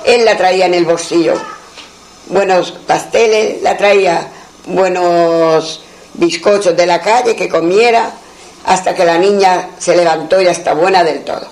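A man's voice: high voice, unhurried, low-quality recording. A man telling a traditional folk tale aloud in a homely way, repeating phrases and speaking the characters' lines himself. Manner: homely, repetitive, voices the characters' lines in turn. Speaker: storyteller.

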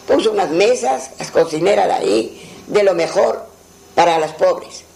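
A man telling a traditional folktale in a plain, unhurried folk manner. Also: high-pitched, gravelly, darkish tone, low-quality recording. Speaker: storyteller.

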